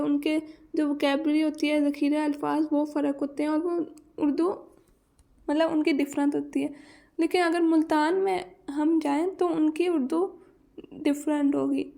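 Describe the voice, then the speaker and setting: In a high, warm voice, a Pakistani woman teaches a pronunciation lesson. She reads English points slowly, then explains them in Urdu.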